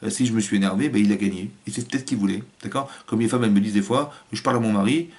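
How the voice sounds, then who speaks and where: Fast-talking rabbi giving a lecture. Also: male voice, on the low side. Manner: animated, acts out family voices, many restarts. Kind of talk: Torah lecture.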